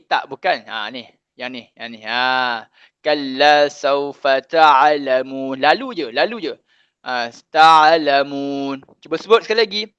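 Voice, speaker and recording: Slow patient Malaysian male religion teacher. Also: medium pitch, pushed and bright, clear, resonant tone, no room sound, lo-fi sound. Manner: patient, slow, repeats sounds and drills pronunciation. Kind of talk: Quran recitation lesson for children.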